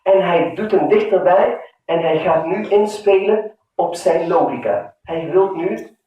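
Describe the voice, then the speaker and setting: A man preaching with strong emotion, his voice rising and dropping to a hush, with Arabic phrases woven into his talk. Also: high-pitched, unhurried, dull audio. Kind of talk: sermon. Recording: very echoey hall, mic far off.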